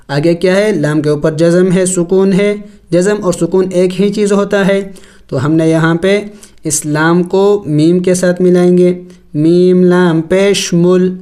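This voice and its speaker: A man teaching Quran recitation, spelling out letters and vowels slowly, chanting the words drawn out, then explaining the rules in quick asides. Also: sits high, a little mellow. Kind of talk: slow spelled-out tajweed lesson.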